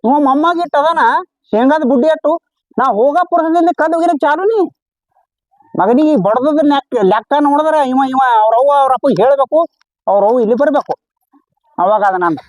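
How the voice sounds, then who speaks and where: A woman's voice: high voice, brisk, a little mellow, no echo, rough recording. A woman with a North Karnataka Kannada accent, playing a defensive, argumentative neighbour in a comedy skit. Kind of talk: scripted comedy skit dialogue.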